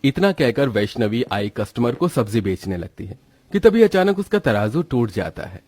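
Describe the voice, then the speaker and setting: A man narrating a story in a steady, scripted storytelling manner with a husky voice. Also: medium pitch, normal speed, no room sound.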